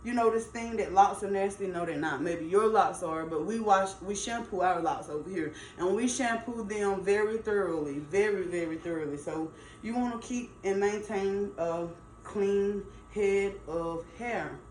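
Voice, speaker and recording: A woman's voice: medium pitch, normal speed, few pauses, a little mellow. A middle-aged woman gives casual, chatty advice as a hair stylist, emphatic and folksy, repeating points for stress. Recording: roomy echo, faint background noise.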